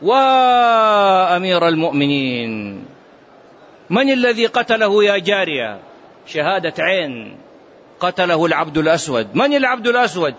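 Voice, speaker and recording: A man teaching a religious class, quizzing his students with animated, mocking asides. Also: high-pitched, brisk, lo-fi sound, a little hiss or hum. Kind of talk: classroom lesson.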